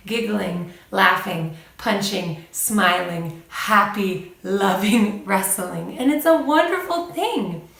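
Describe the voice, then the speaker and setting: A woman's voice: fairly high pitch, gravelly, far from the mic. A young woman and mom, giving parenting advice in a casual vlog, chatty, laughing often and livening up when she quotes her kids. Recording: echoey room, voice off-mic.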